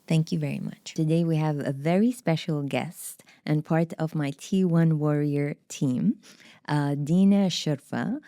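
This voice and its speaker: A woman hosting a podcast interview, her voice pitched low with a mellow, darker tone. She talks earnestly and often pauses with fillers as she introduces her guest. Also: steady tone. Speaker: podcast host.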